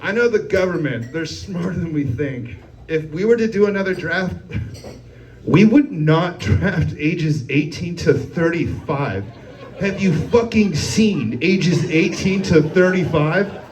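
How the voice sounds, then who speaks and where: A man's voice: on the high side, expressive, takes it slowly, a little mellow, slight background noise. A young man doing a brash, crude stand-up set on a comedy club stage, chuckling at his own jokes as he works the crowd. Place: comedy club stage before a live audience. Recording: live club recording, a bit far from mic, crowd audible.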